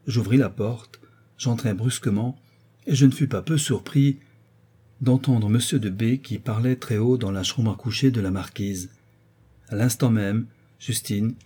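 A man narrating a classic novel in a measured storytelling manner. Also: medium pitch, dark tone, slightly rough. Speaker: audiobook narrator.

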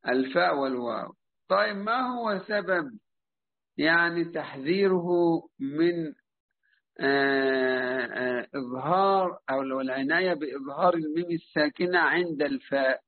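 A man with an Egyptian Arabic accent teaching Quran recitation rules online, patiently quizzing students and modelling slow recitation. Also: on the high side. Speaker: tajweed teacher. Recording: tinny phone-like voice call.

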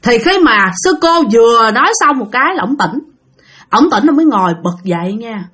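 A woman with a Southern Vietnamese accent tells a ghost story in a relaxed, chatty way. She keeps turning to her listeners as she talks. Her voice sits a little high. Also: moderate pace, slightly rough. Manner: chatty, addresses listeners directly. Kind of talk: casual ghost story narration.

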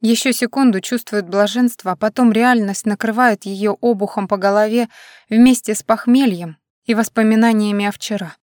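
A woman's voice: mid-range voice, fairly even intonation, moderate pace, darkish tone, dry recording, studio quality. A woman narrating an audiobook in a dramatic, emotional way. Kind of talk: scripted narration.

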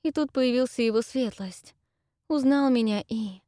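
A woman voicing a timid, tearful young widow who once acted on stage, speaking softly and pleadingly. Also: a little high, moderate pace, no echo, clean studio sound, pitched above the performer's own voice, close to an everyday voice. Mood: grieving. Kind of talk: audiobook character voice.

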